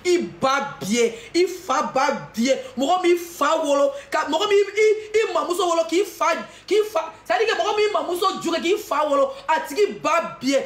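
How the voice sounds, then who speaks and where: A very high-voiced woman with an Ivorian French accent hurls mocking insults, her voice bouncing around a roomy, echoing space. She taunts and often shouts as she rants straight to camera. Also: a little fast, few pauses. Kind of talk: heated insulting rant to camera.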